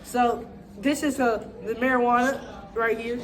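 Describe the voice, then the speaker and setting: A young woman improvising a mock interview, deadpan and stammering. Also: a little high, a little slow. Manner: deadpan, stammering, breaks into laughter. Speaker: interviewee in a comedy skit.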